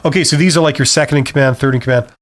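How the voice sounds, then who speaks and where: A man's voice: medium pitch, racing. A middle-aged man hosting a live Q&A stream in a casual, joking way, reading out viewer questions and acting out what a boss might say. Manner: conversational and joking, reads questions aloud and acts out quoted speech. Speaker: host answering viewer questions.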